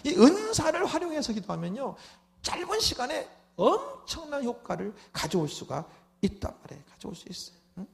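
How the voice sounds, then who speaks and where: A man preaching at a revival meeting in a high, bright-pitched voice. He talks in an animated way, firing off rhetorical asides and acting out prayers. At times he swells into loud, fervent shouted prayer. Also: a little fast, gravelly. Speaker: pastor.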